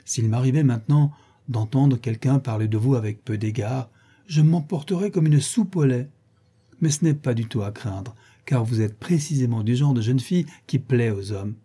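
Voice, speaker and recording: Brief: a man doing a flighty, effusive young lady in a storybook, raised pitch, dark husky tone. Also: moderate pace, natural voice. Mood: gushing. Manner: effusive, exaggerated, gossipy. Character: gushing, flattering young woman friend. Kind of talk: audiobook reading.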